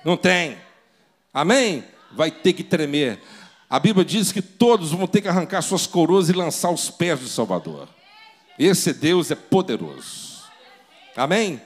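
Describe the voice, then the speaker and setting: A man's voice: on the high side, big pitch swings, unhurried, breathy edge. A man preaching a sermon as pastor, dramatic and full of rhetorical questions.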